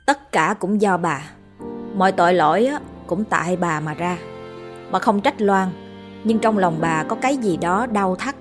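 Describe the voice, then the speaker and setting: A woman narrating a ghost story in a steady, unhurried way. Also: lowish voice, over music.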